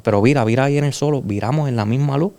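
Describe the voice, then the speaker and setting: A Puerto Rican man giving an earnest, emotional personal testimony as a guest in a conversation, dropping soft and slow at heavy moments. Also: mid-range voice, clear, resonant tone. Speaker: podcast guest.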